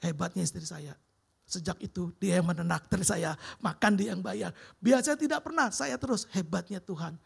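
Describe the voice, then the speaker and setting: A middle-aged man preaches in a church sanctuary, weaving his own story of hardship and answered prayer into the sermon. His voice is gravelly and a little husky, and he keeps the telling lively, tossing a casual "Bro" at his listeners. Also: high-pitched, normal speed. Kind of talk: sermon with personal testimony.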